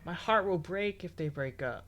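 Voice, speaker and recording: Slightly high and a bit bright, this man's expressive voice moves at a moderate pace. He's a game streamer giving informal, slang-heavy reactions to forum posts, with music playing underneath.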